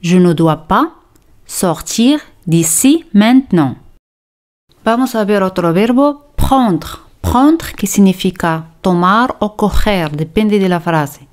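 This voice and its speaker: Woman teaching french really slow, says each phrase twice, steady mid voice. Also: mid-range voice. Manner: slow, deliberate, repeats phrases for drilling. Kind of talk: slow scripted language lesson.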